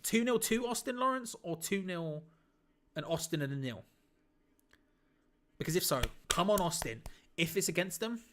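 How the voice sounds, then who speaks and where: A man streaming a live watch-along, giving casual, excitable play-by-play on a wrestling match and bursting out at big moves. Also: high-pitched. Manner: casual, blunt, swears lightly. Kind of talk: live play-by-play reaction commentary.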